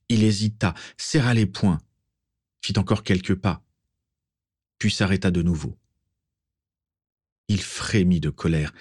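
A man narrating a story as an audiobook, steady and expressive. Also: deep voice, breathy edge, no echo, studio quality.

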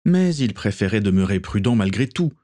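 A man reading a novel aloud as narrator, steady and measured. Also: fairly low pitch. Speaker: audiobook narrator. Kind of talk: storybook narration.

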